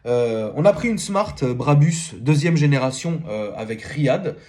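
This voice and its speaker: A man in his thirties talks loosely to his followers late at night, full of slang and filler words. His voice sits at an ordinary middle pitch and he rambles from one thing to the next. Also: expressive, unhurried, darkish tone. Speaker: car YouTuber. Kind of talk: casual late-night vlog chat.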